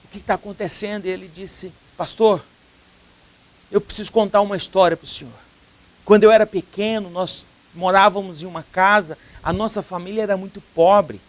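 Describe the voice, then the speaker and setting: High-voiced Brazilian pastor telling a story. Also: male voice, fairly even intonation, moderate pace. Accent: Brazilian Portuguese. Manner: earnest storyteller, acting out quoted dialogue. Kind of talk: sermon storytelling. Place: TV studio.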